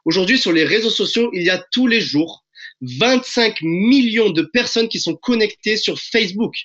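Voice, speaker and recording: A man presenting a webinar from home in an energetic, pushy sales-pitch style, calling his audience friends. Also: normal speed, highs cut off. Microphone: video call.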